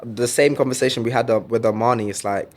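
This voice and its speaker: A man's voice: mid-range voice, fairly even intonation, quick pace, darkish tone. A man, hosting a podcast and telling stories in a laid-back, slangy way. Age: 20s. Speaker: podcast host. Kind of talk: casual chat.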